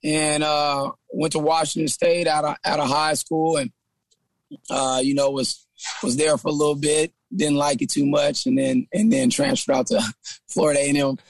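A man's voice: on the high side, little pitch movement, normal speed, gravelly, no echo. Laid-back man who keeps saying "man". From San Jose, California. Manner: laid-back, says "man" often, repeats himself. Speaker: guest, trainer and gym owner. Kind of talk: casual interview chat.

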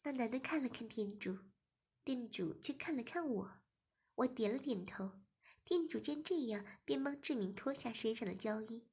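A woman narrating an erotic audio story in a soft, half-whispered manner. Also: a little high, husky.

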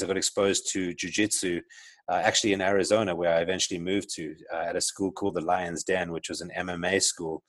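A middle-aged South African entrepreneur, appearing as a podcast guest, talks reflectively in a deep voice, full of restarts and filler words. It's a casual interview conversation, recorded with no room sound.

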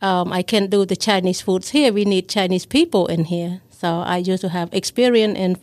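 Woman speaking halting English, dry sound. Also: lowish voice, steady tone, a little mellow, no echo. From Thailand. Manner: halting, simple non-native English, polite. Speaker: food court restaurant owner. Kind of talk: interview guest.

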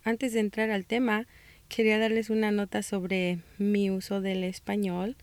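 Hosting a faith-based parenting podcast, a Mexican-American woman from Texas reads her script calmly and deliberately, taking scripture passages slowly. She speaks at a medium pitch with a northern border and South Texas accent, captured close in a dry recording with no room sound.

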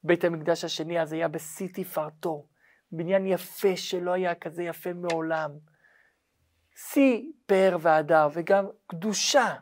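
Man telling a story as a rabbi. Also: a little high. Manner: animated, dramatic, checks in with listeners. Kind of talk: storytelling lesson.

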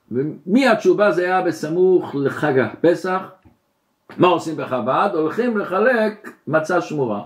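A middle-aged rabbi teaches a class in a fairly high voice. His intonation swings widely and expressively as he tells stories and acts out the characters in them. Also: darkish tone. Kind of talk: religious lesson with storytelling.

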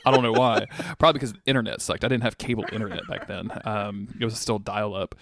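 A man's voice: on the low side, steady tone, fast, a bit bright, no echo. A man in his thirties co-hosting a podcast, rambling and swearing freely in casual chat with lots of fillers. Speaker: podcast co-host.

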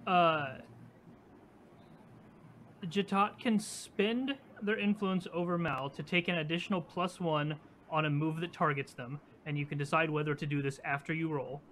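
A man's voice: a little high, fairly even intonation, moderate pace, fairly bright tone, a little hiss or hum. A man at a tabletop role-playing game explaining how a rule works, with some hesitation and fillers. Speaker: player. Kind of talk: casual tabletop game play.

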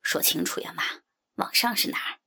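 A woman voicing a teasing, mocking grown son in a low whispered role-play. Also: a little fast, pushed and bright.

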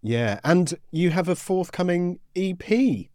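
A podcast host with a high, somewhat dark voice speaks slowly but animatedly in a casual interview chat, reading out listener messages. The studio-quality recording has no echo.

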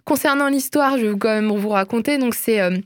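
A young woman with a slightly high voice chats eagerly about films and shows she loves. She talks in an easygoing, lively way and laughs often. The recording is close and dry. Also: a little fast, dry recording. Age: young adult. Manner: chatty, enthusiastic, laughs often. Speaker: host. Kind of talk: casual film and series recommendations.

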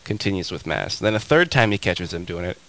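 Low-voiced man telling lively stories. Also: fairly quick, noisy background. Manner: lively storyteller who acts out quotes. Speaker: guest. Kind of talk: animated storytelling on talk radio.

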